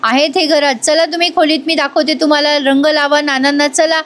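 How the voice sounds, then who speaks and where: A distraught elderly mother, confused and loud, wails her insistence in a high, strained voice, as a woman narrator puts her on. Her speech is slow and pleading at moments. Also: fairly even intonation.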